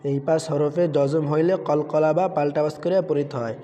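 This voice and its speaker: A man teaching Quran reading, spelling out letters and repeating each syllable three times in a slow, drilled lesson. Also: fairly high pitch, warm tone, a little hiss or hum. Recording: long hall reverb.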